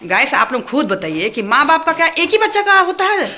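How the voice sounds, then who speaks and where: A woman vents to her viewers in a heated, rapid rant. She repeats herself and pushes each point. Her voice sits fairly high and rings bright and cutting. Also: very animated. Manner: talks fast and heated when angry, repeats phrases. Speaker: vlogger addressing her viewers. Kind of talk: angry casual rant to camera.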